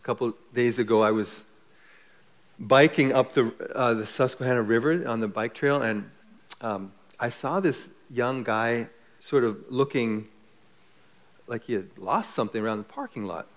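A middle-aged man, a pastor, preaching a sermon with rising emphasis and closing in quiet prayer. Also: mid-range voice, normal speed.

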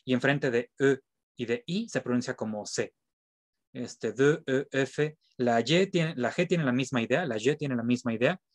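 A man's voice: mid-range voice, dry recording. Patient man teaching, dry sound. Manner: patient, spells out sounds slowly and repeats them. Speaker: French teacher. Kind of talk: online class lecture.

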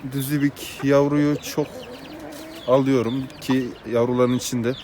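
Man, mid pitch, matter-of-fact answers, hesitant, garden with hens, noisy outdoors. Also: level tone, measured pace, darkish tone. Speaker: poultry keeper, garden owner. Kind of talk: casual interview answers. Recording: clear outdoor noise with chickens.

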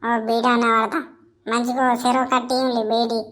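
Woman doing a old village elder, Telangana accent, scolding, drawn-out, lowered but still high voice. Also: little pitch movement, fairly bright tone, natural voice. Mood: cadging. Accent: Telangana Telugu. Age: older. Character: grumbling old village elder man, peacemaker. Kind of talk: village comedy skit.

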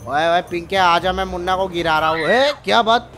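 A man hosting a gaming channel, giving playful gameplay commentary with character voices in an excitable, teasing manner full of exclamations. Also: sits high, normal speed, slight background noise.

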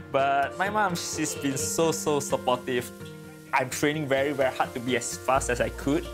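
A man from Malaysia in his thirties, a triathlete talking in a documentary interview, relaxed and a bit hesitant, with easy laughs. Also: mid-range voice, unhurried. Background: music.

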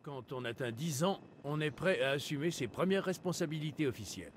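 A man acts out a stiff, official supervisor in a video game. His voice sits a little high and swings with lively, ceremonious emphasis. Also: fairly quick, slight background noise, close to an everyday voice. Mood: solemn. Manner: formal and official. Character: formal male supervisor of an underground shelter. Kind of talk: French video game dub.

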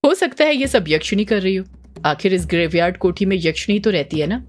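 A woman doing Shalini, a cold sharp young woman. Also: mid-range voice, animated, a little fast, lightly acted. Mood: evasive. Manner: sharp, cold, restrained anger. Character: young woman, proud and easily angered.

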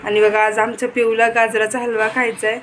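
A woman's voice: fairly high pitch, level tone, a little fast, fairly bright tone. A young woman, chatting casually to the camera in a home vlog as she looks after her children. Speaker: vlogger. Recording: noisy home recording.

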